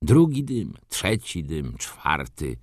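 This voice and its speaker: A man reading a story aloud in the first person, with expressive scripted narration. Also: extremely low pitch, slow pace, dry recording, clean studio sound. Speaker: audiobook narrator.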